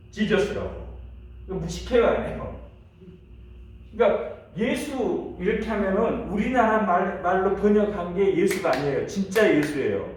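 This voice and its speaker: A man's voice: sits high, darkish tone. A middle-aged male pastor teaching a church history class in a chatty way, asking the class questions and laughing now and then. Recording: echoey room, mic from a distance, faint hiss.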